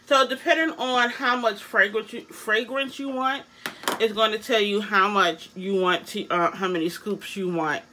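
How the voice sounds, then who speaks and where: A woman's voice: mid-range voice, steady tone, normal speed, pushed and bright, slight background noise, rough recording. A woman giving a casual product demonstration, her articulation slightly awkward as she talks with new braces in her mouth. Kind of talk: casual product demo chat.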